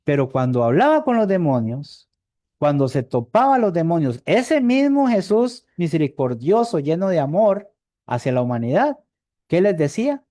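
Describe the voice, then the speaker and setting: A Costa Rican evangelist preaches in a chatty, conversational way, tossing questions back to the congregation. His voice sits a little high for a man but has a mellow, warm tone. He repeats words as he gropes for the next phrase. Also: sing-song, normal speed, no echo, studio quality. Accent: Costa Rican Spanish. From Costa Rica. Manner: conversational, asks the congregation "¿verdad?" often; repeats words while searching for them. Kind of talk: sermon.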